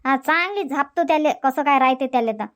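Shantabai, a very high fussing village woman. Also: fast, fairly bright tone. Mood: indignant. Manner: emphatic, fussing, indignant. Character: gossipy village neighbour woman, fiery and sympathetic. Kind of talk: cartoon comedy dialogue.

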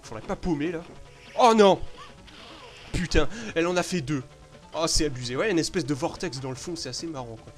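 A man commenting live on his own video game play, excitable, swearing often, with sudden loud outbursts that drop back to mutters. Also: fairly high pitch, fast, soft background music. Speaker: gameplay commentator.

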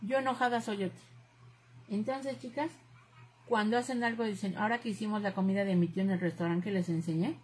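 A woman's voice: mid-range voice, fairly even intonation, brisk, a little mellow, rough recording. A middle-aged woman with a Mexican Spanish accent talks straight to her viewers and says what she thinks. Her voice sits mid-range for a woman. A faint background noise runs under it. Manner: chatty, outspoken, keeps saying "chicas". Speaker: crafts channel host. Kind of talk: casual chat to viewers.

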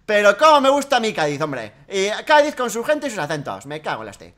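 A man's voice: sits high, huge pitch swings, quick pace, a bit bright. A man from Spain hosting a casual comedic chat, rambling and joking with bursts of laughter. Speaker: podcast host.

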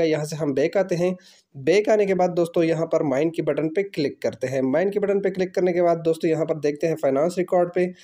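A man's voice: fairly high pitch, warm tone. A man, the channel host, narrating a screen-recorded app walkthrough step by step with repeated fillers. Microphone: off-screen voice-over over phone screen recording.

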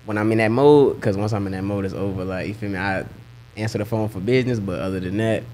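A man's voice: on the low side, quick pace, a little mellow. A man, a rapper guest talking casually and slangily on a podcast. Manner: laid-back, slangy, keeps saying "you know what I'm saying".

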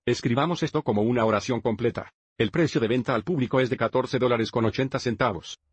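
Male math teacher, steady and methodical, husky voice at a middle pitch. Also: quick pace, dry recording, clean studio sound. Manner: steady, methodical step-by-step explaining. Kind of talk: dubbed math lesson narration.

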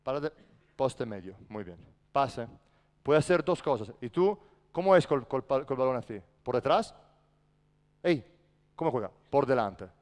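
A man's voice: medium pitch, expressive, unhurried, long pauses, a little mellow. Man coaching in an echoey gym. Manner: barks short commands, then explains patiently. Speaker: basketball coach. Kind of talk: coaching a practice on court. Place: large indoor gym.

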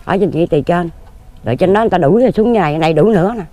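A Southern Vietnamese woman in her fifties speaks rapid-fire in a dark tone on the low side, with lively intonation. The lottery ticket seller rambles plainly and earnestly at length during a casual interview outdoors among graves.

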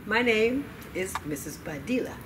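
At a library story time, an older woman reads aloud to children in a deliberate, expressive way, using dramatic pauses. Her voice is medium-pitched, and a distant mic catches the noisy ambience of the indoor children's room.

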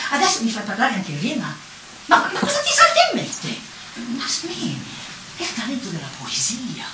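A woman's voice: fairly high pitch, slight background noise. A woman voicing a clumsy, exasperated old cartoon witch in a comic stage monologue, exclaiming and laughing as she talks. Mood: indignant. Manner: animated, exclamatory, laughs while talking. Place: outdoor town square stage. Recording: echoey, from far off, faint ambience.

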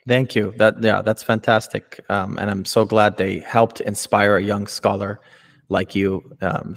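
An American podcast host in his thirties conducts a conversational interview over a video call, asking detailed, thoughtful questions. He speaks in a fairly low, gravelly voice into a studio mic with a pop filter, wearing headphones, in a small indoor room.

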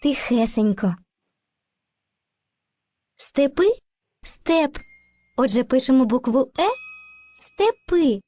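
Woman voicing a gentle, high language spirit. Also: lively intonation, slow pace, pauses often. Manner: gentle, coaxing, calls children endearments. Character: kind, patient female spirit of language, a teacher. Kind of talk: educational cartoon video.

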